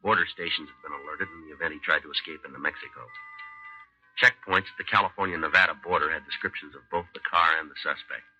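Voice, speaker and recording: An actor playing a tough, terse American police detective who also narrates in a deadpan, matter-of-fact way, in 1950s radio drama style. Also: male voice, very deep voice, quick pace, dull audio, soft background music, exaggerated voice. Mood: flat, businesslike.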